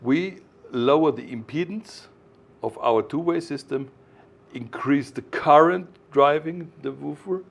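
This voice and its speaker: A product designer explains technical matters informally, teaching emphatically with halting phrasing. His male voice is a little high with some vocal fry.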